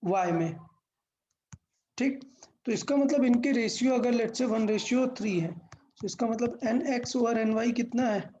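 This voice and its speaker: A woman's voice: a little high, measured pace, warm tone, lo-fi sound, slight background noise. A woman teaching a physics lesson step by step, asking questions and answering them herself, mixing English terms into Hindi.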